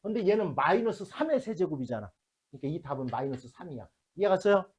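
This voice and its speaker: A math teacher lectures his class in a mid-range voice that moves fast and swings widely in pitch, with a slightly mellow quality and lo-fi sound. He works through problems step by step, keeps checking that students are following, and mixes blunt casual talk with polite endings.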